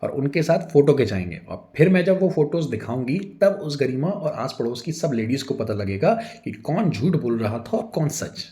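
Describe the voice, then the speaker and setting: A man voicing an angry middle-aged housewife who scolds her husband in loud, shrill complaints. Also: big pitch swings, moderate pace, few pauses, natural voice. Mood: indignant.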